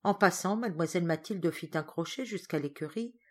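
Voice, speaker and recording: Style: scripted audiobook narration. Sex: woman. Pitch: slightly low. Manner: measured, expressive. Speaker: audiobook reader.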